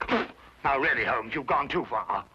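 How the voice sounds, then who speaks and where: Bright-voiced, earnest Doctor Watson, British. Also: male voice, medium pitch, expressive, a little slow, a little hiss or hum. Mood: astonished, indignant. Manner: proper, earnest, readily indignant. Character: earnest, loyal male doctor, detective's easily astonished companion. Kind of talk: old-time radio drama acting and narration. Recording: muffled old radio drama recording.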